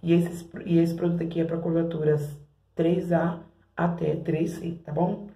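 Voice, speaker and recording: A woman's voice: fairly low pitch, flat delivery, normal speed, dark tone, reverberant, poor audio. A Brazilian woman vlogging in her bathroom as she tests hair products, chatting to her viewers. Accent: Brazilian Portuguese. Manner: chatty, keeps addressing viewers as "gente". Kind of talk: casual product-testing vlog. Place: home bathroom.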